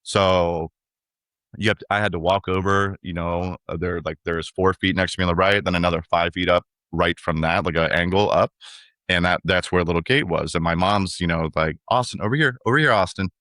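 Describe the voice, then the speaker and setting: Deep-voiced man telling a story. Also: normal speed, no echo, studio quality. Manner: animated storyteller acting out others' lines. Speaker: podcast co-host. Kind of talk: casual conversational storytelling.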